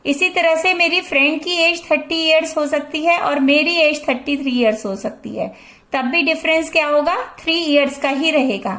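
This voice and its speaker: A woman's voice: sits high, normal speed, fairly bright tone, roomy sound. A woman in her forties with an Indian accent, teaching a math lesson and patiently explaining a problem step by step, switching between Hindi and English. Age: 40s.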